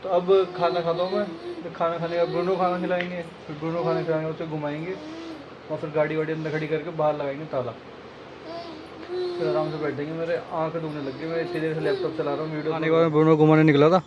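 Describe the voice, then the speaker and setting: राजस्थानी लहजे में बोलने वाला एक आदमी, जो फ़ोन कैमरे पर घर और सैर के दौरान अपने बच्चों के बारे में मज़ेदार, बातूनी अंदाज़ में व्लॉग कर रहा है।. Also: male voice, fairly high pitch, quick pace, highs cut off, background noise. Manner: chatty, playful, talks to kids and viewers. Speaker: family vlogger and father. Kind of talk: casual vlog narration. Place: home, indoors; later outdoors on a walk.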